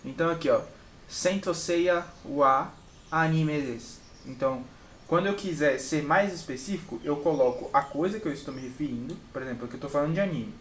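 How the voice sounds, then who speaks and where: A man's voice: fairly high pitch, fairly quick. Brazilian man, Brazilian Portuguese accent, casual study walkthrough, repeats examples, checks in often, echoey room. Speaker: channel host and Japanese learner. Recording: echoey room with faint background noise.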